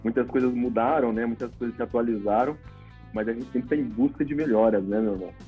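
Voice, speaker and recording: A man's voice: mid-range voice, quick pace, dull audio, faint music behind. A Brazilian man, a podcast guest, explaining things in a casual, informal way and often adding tag questions. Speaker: podcast guest, paid traffic manager.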